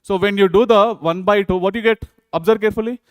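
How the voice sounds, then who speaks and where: Fast and smooth, his high-sitting voice carries an Indian accent, and the recording has no room sound but the highs are cut off. He lectures on physics, working exam problems step by step while repeatedly checking in with students.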